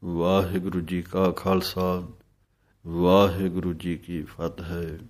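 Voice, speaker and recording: Slow, low-voiced man teaching recitation. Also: darkish tone. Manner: slow, careful, deliberate; draws out each word of the verses. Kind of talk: pronunciation lesson with slow chanted recitation.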